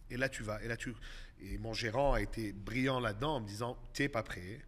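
His voice sits on the low side and moves a little quickly as he trades stories on a relaxed podcast. He's a comedian in his thirties with a Québécois French accent who drops English words into his animated storytelling.

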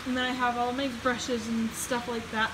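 Her voice is a little high and level in tone, at a moderate pace, as this young woman vlogger chats with viewers and laughs frequently. The phone camera is held at arm's length in a horse barn, partly outdoors in rain, capturing barn noise too.

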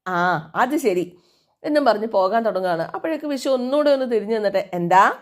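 A woman's voice: fairly high pitch, expressive, brisk. A woman casually retelling a TV serial episode, voicing the characters' lines in her own voice. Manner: retells scenes and voices lines with little change of voice. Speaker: serial episode recap narrator. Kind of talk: casual storytelling recap.

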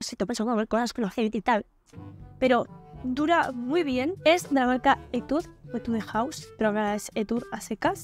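Brief: young woman beauty vlogger, high bright voice, gushy and playful, faint music behind. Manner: chatty and gushing, with playful slang. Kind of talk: casual product review vlog.

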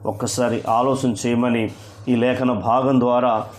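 A man preaching a sermon as a pastor, reading scripture slowly and stressing each point with repeated rhetorical questions and rhythmic lists. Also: medium pitch, level tone.

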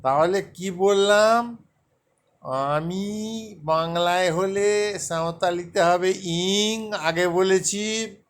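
Slow, drilling male language teacher. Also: high-pitched, clear, resonant tone. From West Bengal. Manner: repeats each word slowly and deliberately for learners. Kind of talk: slow spoken language lesson.

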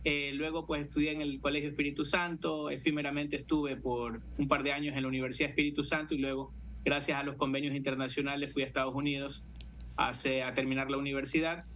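A city councillor in his thirties with a Guayaquil Ecuadorian accent answers interview questions over a video call from his living room. He speaks fast in a mid-range, slightly bright voice with a level tone, and the call audio is noisy.

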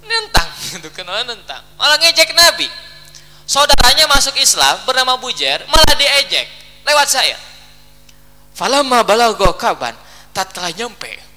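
A man teaching a religious text, reading Arabic and explaining it in lively storytelling, often checking that listeners follow. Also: high-pitched, big-room sound. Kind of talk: kitab study lesson, translating Arabic text line by line.

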